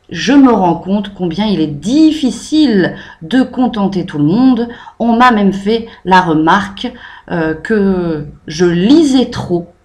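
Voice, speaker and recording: A woman's voice: lowish voice, a little mellow. A French woman talks through a novel she liked, reviewing it off the cuff for her weekly video. Her speech is casual and improvised, dotted with hesitations and fillers as she gathers her thoughts. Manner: chatty, many "euh" fillers, improvised. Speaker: book reviewer. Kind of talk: improvised book review to camera.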